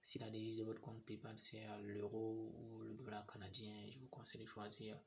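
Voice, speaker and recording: A man's voice: on the low side, monotone, fairly quick, a bit bright, a little hiss or hum. A young man from Cameroon, walking viewers step by step through an app tutorial, often hesitating and repeating himself. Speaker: tutorial host. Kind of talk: screen-recorded phone app tutorial.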